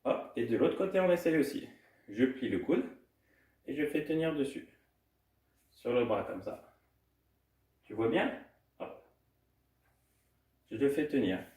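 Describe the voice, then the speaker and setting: A man leads a home gym class for little children, his cheerful, sing-song voice pitched right in the middle. He is set back from the microphone. The room gives his voice a clear echo. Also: animated, measured pace, pauses often, a little mellow. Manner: cheerful, sing-song, demonstrating while moving. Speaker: kids' gym coach. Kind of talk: instructional talk to small children. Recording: echoey room, distant from mic.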